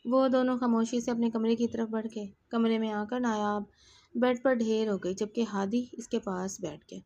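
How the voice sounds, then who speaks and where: A woman's voice: on the high side, steady tone, warm tone, lo-fi sound. Woman narrating a romance novel.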